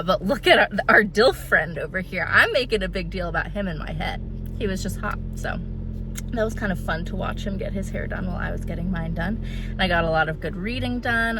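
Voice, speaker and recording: This thirtysomething vlogger's voice is on the low side with a sharp tone and a slightly congested quality, set against slight background noise. She chats bubbly and casual to camera, out and about, in her car, and at home, with self-deprecating jokes.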